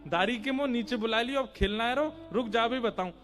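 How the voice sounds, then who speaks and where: A man's voice: very high voice, a little fast, a bit bright, in a large hall, soft background music. A man voicing the playful, mischievous child god Krishna, chiding in a teasing village dialect.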